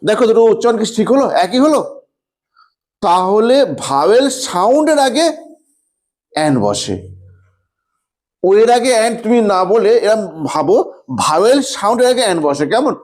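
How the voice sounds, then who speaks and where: A male English grammar teacher giving an online class, coaxing students with questions and repeating phrases slowly as he writes. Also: high voice, animated, a little mellow. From West Bengal, India. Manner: repeats phrases slowly while writing on a board.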